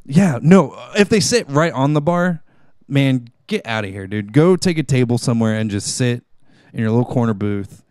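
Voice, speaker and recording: A man's voice: medium pitch, normal speed, clean tone, no room sound, studio quality. A man co-hosting a casual podcast chat, joking about customers and mimicking them. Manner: animated, mimics customers, laughs often. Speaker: podcast co-host.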